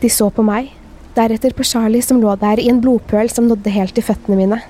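Woman, podcast host, steady horror storytelling, fairly high, soft mellow tone. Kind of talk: scripted horror story narration.

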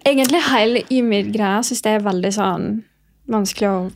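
A woman's voice: mid-range voice, a little hiss or hum. A woman with a Norwegian accent, a guest in a casual chat, agreeable and slipping English phrases into her speech.

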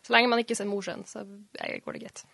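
A young woman with a North Norwegian accent talks casually as a guest in an interview. Her voice is creaky with some fry, and the sound is dry and close. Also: on the high side, fairly bright tone, dry recording. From Mo i Rana, northern Norway. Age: 20s. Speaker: interview guest, local journalist.

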